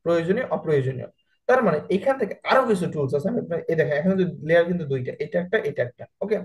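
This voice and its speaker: In a screen-share tutorial on video editing, a man with a Bangladeshi Bengali accent speaks in a high, slightly mellow voice, recorded at low quality. Chatty throughout, he frequently checks on his students and blends English words into his speech.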